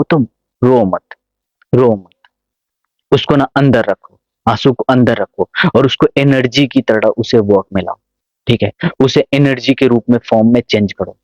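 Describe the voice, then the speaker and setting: A man's voice: medium pitch, a little mellow, no echo. Man, vlogger, pep-talk to camera, coaxing, dry muffled phone sound. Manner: coaxing, keeps asking if you understand. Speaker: vlogger giving advice. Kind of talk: casual motivational talk to camera.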